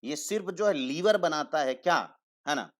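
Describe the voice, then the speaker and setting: A man teaching a science class, slowly repeating terms and asking the class questions before he answers them himself, often calling students "beta". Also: a little high, lively intonation, fairly bright tone. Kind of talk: online science lesson.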